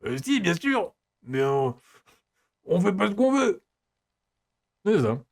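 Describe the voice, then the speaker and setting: A brash, cocky teenage boy teases and goads with a swaggering, up-and-down delivery, as a man reads him aloud from a dating game. The voice sits a little high and moves a lot. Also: sing-song, takes it slowly, creaky, full character voice. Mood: teasing. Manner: cocky, teasing.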